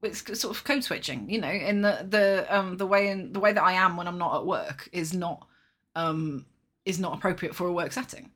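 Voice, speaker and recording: A woman co-hosting a podcast in casual chat, talking quickly over her partner with frequent restarts. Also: on the low side, fairly bright tone. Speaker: podcast co-host.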